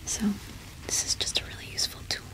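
This is a gentle, halting ASMR roleplay in which a young adult woman plays a cottage witch shopkeeper. She speaks in a soft, breathy whisper held close to the microphone.

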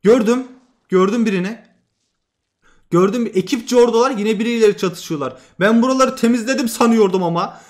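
A young man hosting a mobile shooter channel, giving excitable, trash-talking live commentary that swings between loud outbursts and muttering. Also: sits high, a little fast. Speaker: gaming channel host.

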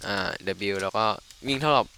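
A man's voice: brisk, noisy background. A man casually commenting on his game playthrough, joking and swearing as he goes. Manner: crude, joking, rambling. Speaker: gamer. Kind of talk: casual let's play commentary.

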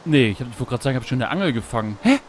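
A man casually commenting on his gameplay while fishing, talking to himself, greeting animals in the game, and yelping excitedly at each catch. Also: mid-range voice, very fast, a little hiss or hum. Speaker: Let's Play host. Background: background game music.

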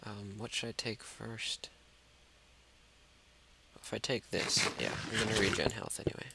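A man's voice: fairly low pitch, level tone, measured pace, creaky, very noisy. A man doing gameplay commentary, talking to himself and the monsters and dropping to a whisper when scared. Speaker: let's play host. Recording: loud mouse clicking over the voice.

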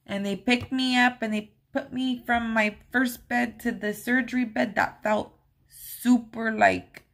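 A woman's voice: fairly high pitch, steady tone, measured pace, gravelly, a bit bright. Chatty woman telling a personal story. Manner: chatty, rambling, many "like" and "um" fillers; open and emotional when recalling events. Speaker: vlog host.

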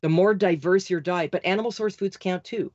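A woman being interviewed as a podcast guest, talking quickly and insistently, like an auctioneer. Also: lowish voice, darkish tone, no echo, muffled recording. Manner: insistent, rapid, talks like an auctioneer. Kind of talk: fast, emphatic interview talk.

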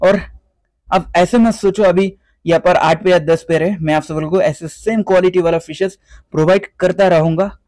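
A man's voice: high-pitched, fairly even intonation, normal speed, darkish tone, dry recording. Chatty man showing off his fish. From West Bengal, India. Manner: chatty, repeats "theek hai" often; mixes English words into Hindi. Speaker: guppy breeder and seller. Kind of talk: casual vlog walkthrough.

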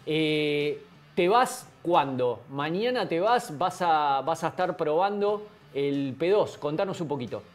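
High-voiced Argentine host steering a chat. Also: male voice, slow pace. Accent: Argentine Spanish. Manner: lively, interrupting, steering the talk. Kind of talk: casual interview chat.

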